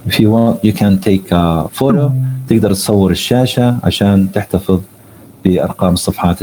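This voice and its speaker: A man teaching an online English lesson. He reads each tip slowly in English and then explains it in Arabic. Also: sits low, warm tone, rough recording.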